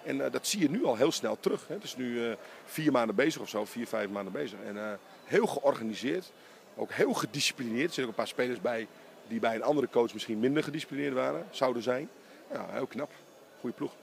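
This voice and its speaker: In an empty arena after the game, a middle-aged man who coaches basketball gives an emphatic interview into a handheld mic held close. He has a mid-range voice with vocal fry and an animated manner, firing off his words in quick bursts.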